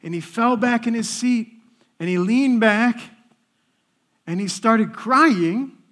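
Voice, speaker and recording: A man studying for the priesthood, telling a lively story in church as a testimony talk. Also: very high voice, slow. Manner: lively storyteller, animated quoted voices. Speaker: seminarian speaking in church.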